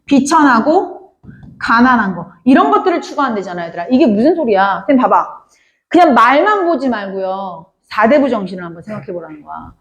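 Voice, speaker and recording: A woman's voice: on the high side, sing-song, a little fast. A woman teaching a classroom literature lecture, often calling out to her students and asking whether they understood. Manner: addresses students often, asks many check questions.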